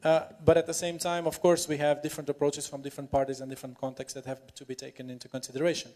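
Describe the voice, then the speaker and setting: A man giving a semi-improvised conference speech, halting and repeating words, yet emphatic. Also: fairly high pitch, flat delivery, a little mellow. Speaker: political panel speaker.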